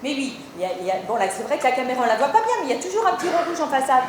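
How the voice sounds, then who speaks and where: Woman playing an interviewer on stage, patient and teasing, high voice, very echoey live sound in a comedy sketch. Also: sing-song, very fast, background noise. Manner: patient, explaining, playful, teasing. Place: stage at a resort show.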